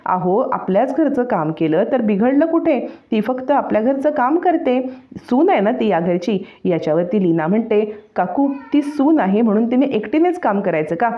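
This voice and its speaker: A woman narrating a television serial recap as a story, voicing each character's lines in turn with animated delivery. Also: fairly high pitch, moderate pace. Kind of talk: dramatic story retelling with voiced dialogue. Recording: dull lo-fi sound.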